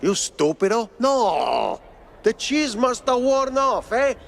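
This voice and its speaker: A male actor uses a very high, exaggerated voice with vocal fry and an Italian accent to play an excitable, exasperated cartoon circus boss in a video game. He takes it slowly but stays theatrical and exclamatory, with slight background noise.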